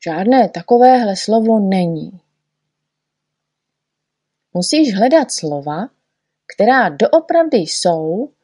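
Woman voicing a fussy little male poet, teacherly, lively pitch, slightly husky, storybook reading. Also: pauses often, dry recording, clean studio sound. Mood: lecturing. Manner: explaining, correcting, teacherly.

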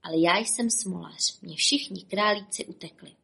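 A woman's voice: medium pitch, vocal fry, pushed and bright, slightly rough, full character voice. A woman voicing a gloomy, unlucky older male stage magician who sighs mournfully.

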